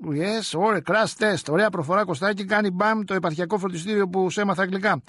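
High-voiced sarcastic male radio host. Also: fairly bright tone, no room sound, studio quality. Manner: sarcastic, mock-interviewing archive clips. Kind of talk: satirical radio commentary.

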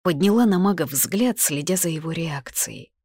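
Woman audiobook narrator, first-person storytelling, measured and quietly emotional, dry close sound. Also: low-pitched, lively intonation, breathy edge, no echo.

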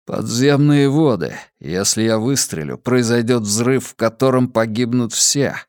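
A man voicing a grim, helpless male starship captain who speaks slowly and heavily, in an audiobook. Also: medium pitch, expressive, a little mellow, no echo, clean studio sound, lightly acted.

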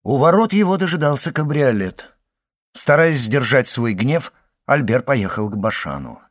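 A man narrating a classic novel as an audiobook, measured and expressive. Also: medium pitch, no echo, clean studio sound.

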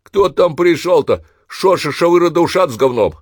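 A man voicing a rowdy, irreverent grown son who cracks loud jokes. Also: fairly high pitch, animated, moderate pace, no echo, clean studio sound, voice pushed up. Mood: boisterous. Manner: boisterous, loud wisecracking.

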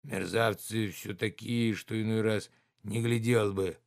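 A man's voice: fairly low pitch, steady tone, dry recording, studio quality. A man reading the part of a lazy, grumbling old manservant who drawls his excuses. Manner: drawling, reluctant, slow.

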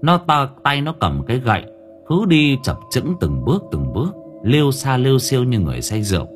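A man's voice: mid-range voice, wildly swooping pitch, a little fast, faint music behind. A man narrating a ghost story in a dramatic storytelling manner. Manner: dramatic, swings in tone. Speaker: audiobook narrator.

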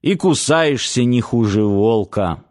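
A man reading an audiobook, voicing a gruff, caring grey-bearded grandfather who grumbles unhurriedly. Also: mid-range voice, animated, takes it slowly, a little mellow. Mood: grumbling.

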